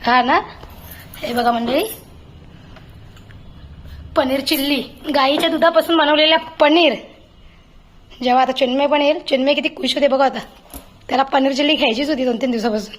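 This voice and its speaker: A woman's voice: high-pitched, fairly even intonation, moderate pace, long pauses. A woman hosting a casual home vlog, chatting to her viewers as a group and talking with her family as she goes. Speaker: vlog host.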